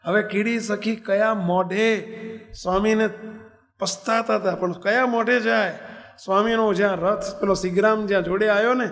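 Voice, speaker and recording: A man's voice: sits high, normal speed. A male preacher telling a story in a sermon, asking rhetorical questions of his listeners. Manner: animated, rhetorical questions to the audience. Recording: long hall reverb.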